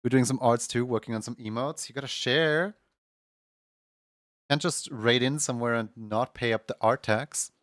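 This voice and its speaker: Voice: medium pitch, normal speed, fairly bright tone, no room sound, studio quality. A streamer chatting casually while drawing on a livestream, playful and given to cutesy exclamations. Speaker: streamer, animator.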